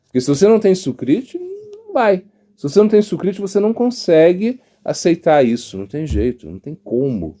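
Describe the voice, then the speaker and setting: Animated Brazilian monk, mellow voice. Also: male voice, high-pitched, fairly quick. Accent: Brazilian Portuguese. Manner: animated storytelling, acts out quotes, frequent restarts and stammers. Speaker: monk giving a spiritual talk. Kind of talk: informal devotional sermon.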